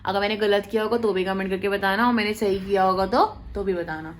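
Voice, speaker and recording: A woman vlogger in casual storytelling to camera, chatty and animated, talking straight to her viewers. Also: medium pitch, brisk, a little hiss or hum.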